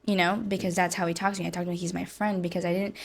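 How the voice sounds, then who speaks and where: A woman's voice: on the low side, little pitch movement, racing, slight background noise. A young woman sharing her story in casual talk, with many fillers. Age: young adult. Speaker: guest. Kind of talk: casual testimony.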